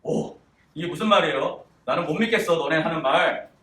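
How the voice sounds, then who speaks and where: A man's voice: a little high, a little fast. A man giving a children's sermon, asking the kids questions and acting out quotes. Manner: animated, asks children questions, acts out quotes. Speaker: children's worship preacher. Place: church room. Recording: echoey room, distant mic, faint noise.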